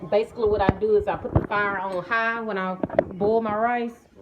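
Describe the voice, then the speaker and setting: A woman's voice: medium pitch, fairly even intonation, brisk, dull audio, very noisy. A woman chatting casually and folksily to her viewers in a home vlog. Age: adult, mother of children. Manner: folksy, addresses viewers as y'all and guys. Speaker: family vlogger. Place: at home, indoors.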